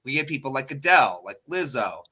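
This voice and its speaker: Bright-voiced man, blunt and animated. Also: mid-range voice, a little fast, husky. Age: 30s. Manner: animated, blunt, swears freely. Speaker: podcast co-host. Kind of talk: casual panel chat.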